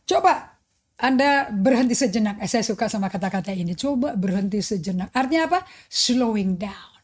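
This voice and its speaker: A middle-aged woman pastor preaching with a slightly high voice. She switches into English now and then and acts out quotes with lively swings of tone. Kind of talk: sermon.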